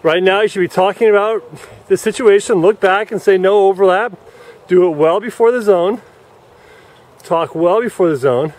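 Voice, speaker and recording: A man's voice: high voice, moderate pace, a little mellow. Man coaching a sailboat race outdoors. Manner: coaching, explains rules while watching. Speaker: sailing race commentator. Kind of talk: live outdoor commentary and coaching. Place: outdoors at a yacht club dock. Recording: faint wind noise outdoors.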